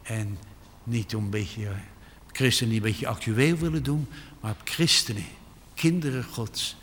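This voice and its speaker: A man preaching a sermon with emphatic delivery, rising to loud exclamations. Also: mid-range voice, normal speed, a little hiss or hum. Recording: long hall reverb.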